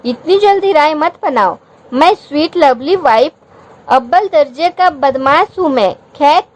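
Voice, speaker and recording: A woman's voice: high voice, lively intonation, measured pace. A woman voicing a young husband who teases his wife affectionately in a storybook reading. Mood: teasing. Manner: playful, teasing.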